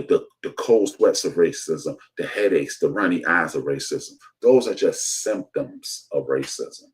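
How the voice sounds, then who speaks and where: Deep-voiced man, passionate solo commentary, repetitive rhetorical build, stumbling restarts. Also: low-quality recording. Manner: preachy, repetitive rhetorical emphasis with frequent restarts. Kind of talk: impassioned commentary monologue.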